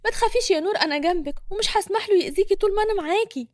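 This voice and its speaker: A woman's voice: extremely high pitch, fast, no room sound, studio quality, pitched above the performer's own voice. A woman with an Egyptian accent voicing a hot-tempered, loyal young woman who talks sharply and scolds. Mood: fiery.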